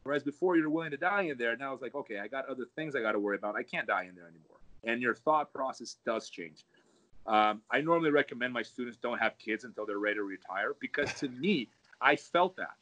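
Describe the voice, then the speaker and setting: A man's voice: mid-range voice, expressive, fast talker, bright, forceful tone, poor audio. A jiu-jitsu coach talking in a casual chat, reflective and repeating words as he searches for them.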